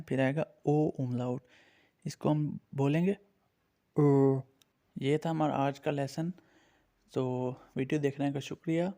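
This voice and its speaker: A man's voice: fairly high pitch, dark tone. A man with an Urdu-influenced accent teaching a beginners' language lesson, patiently naming and repeating each letter for his learners.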